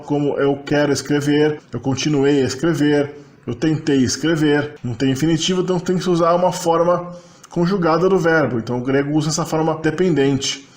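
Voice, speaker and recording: A man's voice: fairly high pitch, a little mellow. Methodical man lecturing over slides. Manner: methodical and explanatory, walking through tables step by step. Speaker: linguistics lecturer.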